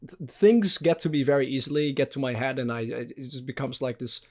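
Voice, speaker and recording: A man's voice: medium pitch, brisk, darkish tone. A young man from the Netherlands, hosting a casual podcast chat, rambling loosely, swearing and laughing often. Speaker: podcast host.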